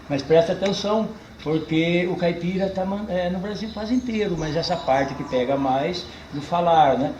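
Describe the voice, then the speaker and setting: Chatting casually with a tour group, this older cordel poet from Brazil speaks with a caipira accent from the São Paulo countryside, folksy and animated, stretching words out for emphasis. His pitch is fairly high. The audio is roomy, with the highs cut off and a little hiss or hum.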